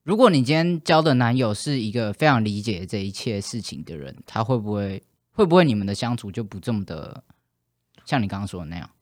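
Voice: medium pitch, sing-song, brisk, dry recording, clean studio sound. A speaker chatting casually and asking questions, dropping in the odd English word. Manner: inquisitive, mixes in English words. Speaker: conversation partner asking questions. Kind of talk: casual chat.

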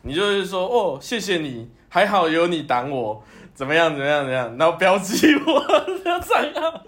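A man's voice: fairly high pitch, sing-song, normal speed, fairly bright tone. A man with a Taiwanese Mandarin accent co-hosting a podcast, chatting crudely, swearing and laughing as he retells stories. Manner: laughs often, swears freely, acts out quotes. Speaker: podcast co-host. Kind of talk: casual crude banter.

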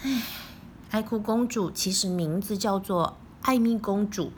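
A woman reading a picture book aloud to a child, playful and animated, asking the child questions. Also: medium pitch, normal speed, slight background noise.

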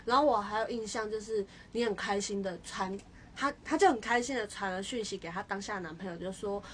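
A woman's voice: mid-range voice, fairly quick, slight background noise. A young woman co-hosting a podcast, talking reflectively and hesitantly in casual chat. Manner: reflective, hesitant, with frequent restarts. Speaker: podcast co-host.

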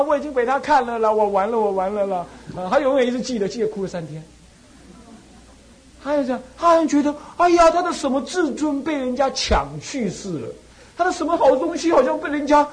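A man from Taiwan, a Buddhist monk and temple abbot, giving a dharma talk in an animated way, scolding and reassuring with rhetorical questions. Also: high voice, husky.

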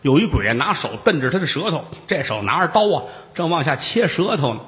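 A man telling a comic ghost story solo, with playful asides and acted-out shouts. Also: fairly high pitch, sing-song, quick pace. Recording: reverberant room.

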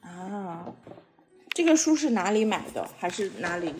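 A woman's voice: medium pitch, sing-song, a little slow, darkish tone, slight background noise. A woman hosting a podcast, chatting playfully with a small child in coaxing, sing-song questions. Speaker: podcast host. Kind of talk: playful chat with a young child.

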